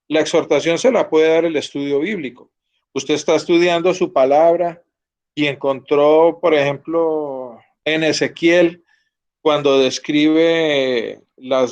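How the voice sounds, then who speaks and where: Earnest teacher, man. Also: on the high side. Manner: earnest, asks students to confirm. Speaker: Bible teacher. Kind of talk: Bible class teaching.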